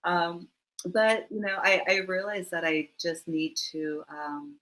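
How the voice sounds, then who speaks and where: A woman's voice: fairly low pitch, takes it slowly, poor audio. A middle-aged woman, a mindfulness teacher, answering interview questions with laughing asides and acted-out quotes over a video call. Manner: warm laughing asides, acts out quoted voices.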